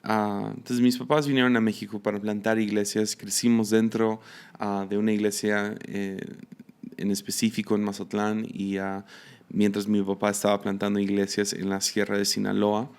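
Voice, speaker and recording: Low-voiced Mexican-accented man, halting podcast talk. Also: monotone, gravelly, clear, resonant tone. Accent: Mexican Spanish. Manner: hesitant, many filler sounds and restarts. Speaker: podcast host and missionary. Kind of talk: casual solo podcast talk.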